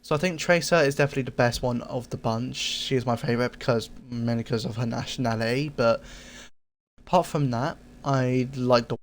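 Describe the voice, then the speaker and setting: An easygoing man talks through a casual game cosmetics review at a middle pitch. He repeats his phrases and stops to fix his own slips. A faint hiss sits under the voice. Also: brisk. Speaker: gaming channel host.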